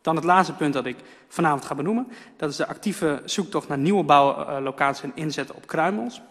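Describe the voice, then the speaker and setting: A man's voice: a little high, a little fast, a bit bright. A man council member steadily reading through prepared points of a speech. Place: council chamber. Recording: long reverb in a council chamber.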